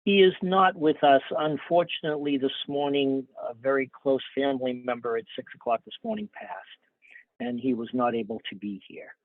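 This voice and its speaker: An older man and business owner speaking on a video call, hesitant and apologetic, with halting restarts. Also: mid-range voice, lively intonation, no echo. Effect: on a video call, phone-like sound. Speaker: business owner at a licensing hearing. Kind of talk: remote testimony at a public hearing. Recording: dry, tinny video call audio.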